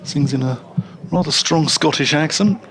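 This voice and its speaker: A man's voice: a little high, moderate pace, fairly bright tone. A man commentating on cricket, chatting and joking between deliveries in a rambling way. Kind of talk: radio cricket commentary with chat.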